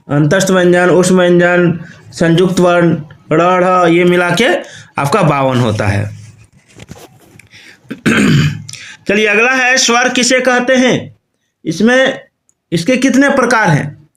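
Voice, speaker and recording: A man's voice: sits high, a bit bright, echoey room. A man teaching Hindi grammar in a recorded online lesson, who explains step by step and often repeats his questions. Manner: says "okay" and "you can see" often.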